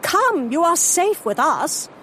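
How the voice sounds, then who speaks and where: A brisk, commanding Victorian lady. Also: high-pitched, sing-song, fairly bright tone, a little hiss or hum, heavily acted. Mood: coaxing. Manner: crisp, formal and brisk. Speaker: narrator and lead character. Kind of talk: full-cast audio drama.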